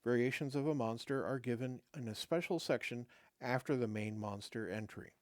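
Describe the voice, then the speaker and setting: A middle-aged man hosts his own show, reading a game rulebook aloud and tossing in casual asides, his mid-range, slightly mellow voice drying out and fading. He halts often, filling gaps between read passages with fillers and restarts. His throat is dry and he's losing his voice, with no room sound in the recording.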